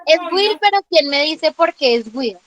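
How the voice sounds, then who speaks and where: High-voiced woman teacher quizzing students. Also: animated, moderate pace, crowd noise, low-quality recording. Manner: patient, checks understanding with frequent questions; calls on students by name. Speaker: English teacher. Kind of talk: online class explanation.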